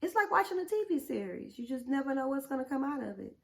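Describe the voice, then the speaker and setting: A woman's voice: sits high, very animated, fast talker, creaky. A woman, talking casually as a show co-host. She speaks bluntly and with animation. She throws rhetorical questions at the listener. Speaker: podcast co-host. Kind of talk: casual chat.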